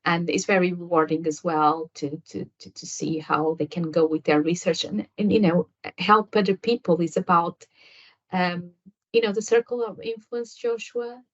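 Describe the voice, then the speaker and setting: A woman's voice: lowish voice, steady tone, normal speed. A woman guest on a nursing podcast whose first language is Portuguese, answering at length with many fillers and restarts. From Angola. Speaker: nurse guest. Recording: slightly dull lo-fi audio.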